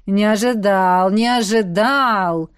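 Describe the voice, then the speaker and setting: A woman's voice: on the high side, animated, normal speed, no echo, clean studio sound, lightly acted. A woman voicing a sly, flamboyant male baron who drawls and teases. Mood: mocking. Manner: drawling, teasing.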